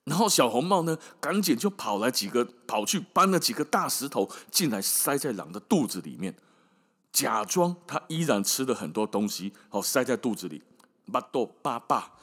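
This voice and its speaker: Man, Taiwanese Mandarin accent, podcast host, casual storytelling, joking asides, Hokkien words mixed in, animated pitch. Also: moderate pace, slightly rough. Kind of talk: casual fairy-tale retelling.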